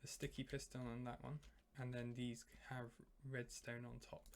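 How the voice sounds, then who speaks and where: A man with a strained, worn-out voice explaining a game build step by step, in halting phrases with pauses. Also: mid-range voice, completely flat delivery, creaky, slight background noise. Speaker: tutorial maker.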